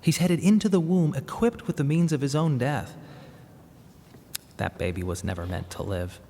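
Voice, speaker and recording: This actor's voice is fairly high, gravelly and warm, with lively intonation, as he narrates and plays the protagonist of a radio drama. The character is a grieving, restless young father, earnest and awkward, whose halting, reflective lines carry a wistful mood. Sound comes from a reverberant hall with faint background noise.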